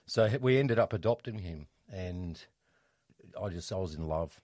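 A middle-aged man telling a personal story as an interview guest, reflective and halting, restarting his sentences often. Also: low voice, lively intonation, a little mellow, no room sound, studio quality.

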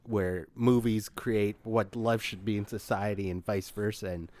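A man's voice: fairly low pitch, steady tone, a little slow, a little mellow, no echo. A man chatting casually as a podcast guest, feeling his way through his points. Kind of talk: casual chat.

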